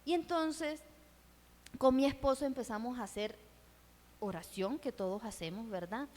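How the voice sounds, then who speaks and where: A middle-aged woman and missionary giving an earnest testimony sermon in a church hall, asking her listeners rhetorical questions. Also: high voice. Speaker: missionary speaker at a church event. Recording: reverberant hall.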